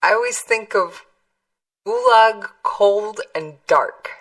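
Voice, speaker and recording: A woman's voice: mid-range voice, huge pitch swings, takes it slowly, creaky, fairly bright tone, distant mic. A woman interviewing someone in a casual, conversational way.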